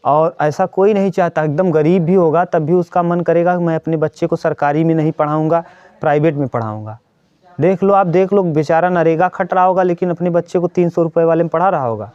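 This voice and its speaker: A man's voice: fairly high pitch, fairly quick, a little mellow, smooth, dry recording. Earnest male teacher lecturing students. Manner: earnest lecturing, repeats points, asks and answers his own questions. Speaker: coaching teacher. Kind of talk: motivational talk to students during a maths class. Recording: dry, dull lo-fi sound.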